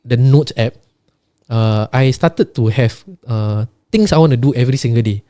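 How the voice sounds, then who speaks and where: A man's voice: mid-range voice, moderate pace, dark tone, no room sound, clean studio sound. A man with a Singaporean accent explaining things casually in an interview, emphatic and repetitive, often tagging his sentences with "right" and "lah". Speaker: podcast guest.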